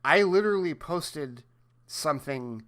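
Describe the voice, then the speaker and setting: A man's voice: fairly high pitch, animated, unhurried, a bit bright. A man co-hosting a podcast in casual chat, rambling with repeated words and restarts and frequent laughs. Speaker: podcast co-host.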